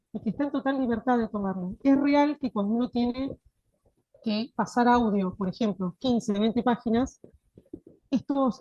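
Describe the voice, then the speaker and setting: A woman's voice: on the high side, warm tone, dull audio. A woman giving an online teacher-training lecture, often asking "¿sí?" to check that her listeners follow. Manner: explanatory, frequent checking "¿sí?". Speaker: course instructor.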